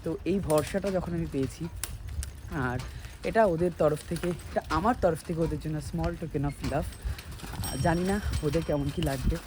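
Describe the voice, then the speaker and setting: A man's voice: fairly high pitch, measured pace, background noise. A man with a Kolkata Bengali accent, a vlogger and dance teacher, chatting casually in a rambling way and mixing in English phrases. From India. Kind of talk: casual vlog chat.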